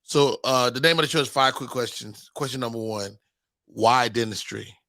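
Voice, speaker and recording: A man hosting a casual interview show, joking and excitable, often tripping over his words. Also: medium pitch, normal speed, no echo, clean studio sound. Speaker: host.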